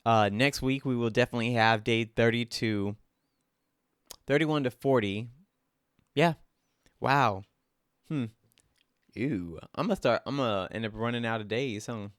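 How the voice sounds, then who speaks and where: A man's voice: medium pitch, a little slow, pauses often, a bit bright, clear, resonant tone, no room sound, studio quality. A young man casually talking through his own drawings as host, rambling and self-critical, with lots of "like" fillers. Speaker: artist and channel host.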